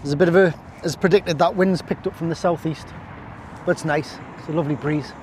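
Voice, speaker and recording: Fishing on a breezy riverbank, this angling vlogger chats to camera in a slightly high, darkish male voice with fairly even intonation and a fairly quick pace. He rambles with jokey, self-mocking asides while a faint hum of town and traffic sits in the outdoor background, and the camera on its stand catches him stepping away at times.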